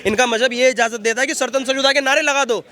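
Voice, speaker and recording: A man with a very high, bright voice rants forcefully in a street interview. He talks outdoors in a city and piles up repeated phrases as he argues. His tone is sharp and insistent. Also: fairly even intonation, quick pace. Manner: forceful, repetitive ranting. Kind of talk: heated street vox pop.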